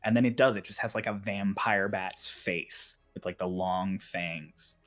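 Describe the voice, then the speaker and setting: Man, game master, lowish voice, conversational descriptive narration, music underneath. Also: steady tone, measured pace, a bit bright. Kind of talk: improvised tabletop game narration.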